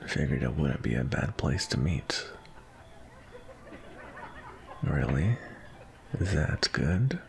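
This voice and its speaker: Sebastian, a deep, gravelly vampire acted by a man. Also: sing-song, slight background noise, full character voice. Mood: courteous, relaxed. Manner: polite, unhurried, flirtatious. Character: suave, courteous, centuries-old male vampire on a date. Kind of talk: ASMR roleplay, intimate and softly spoken.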